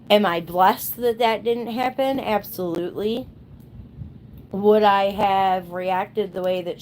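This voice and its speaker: A woman's voice: medium pitch, slight background noise, rough recording. A woman in her thirties ranting bluntly and sarcastically to her livestream viewers in casual chat. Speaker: livestream host.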